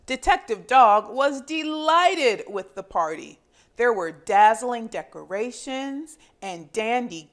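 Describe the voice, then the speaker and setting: A woman with a mid-range voice leads a children's phonics lesson and reads a storybook aloud. She enunciates deliberately and expressively, the way a teacher does.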